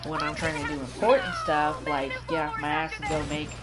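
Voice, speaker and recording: A woman's voice: low-pitched, a little fast, heavy background noise. A young woman chatting casually and teasing her partner as he plays a game. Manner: teasing, playful. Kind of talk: casual chat while watching a game.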